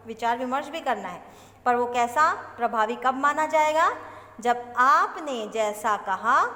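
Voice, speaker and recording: A woman's voice: fairly high pitch, fairly bright tone. A woman teaching a business communication lecture, explaining with rhetorical questions and acted-out examples. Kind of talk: classroom lecture. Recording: echoey room with long reverb.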